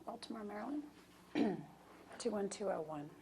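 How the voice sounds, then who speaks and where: Creaky-voiced woman giving testimony. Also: medium pitch, animated, normal speed, mellow. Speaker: nurse expert witness. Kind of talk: deposition testimony. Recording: faint room noise.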